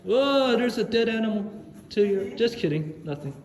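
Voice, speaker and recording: A man touring a dark lava tube cave, reading the signs aloud and teasing with fake scares. His voice carries the cave echo. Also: sits high, animated, normal speed, slight background noise. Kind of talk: casual tour chat, reading signs aloud. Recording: echoey cave with long reverb.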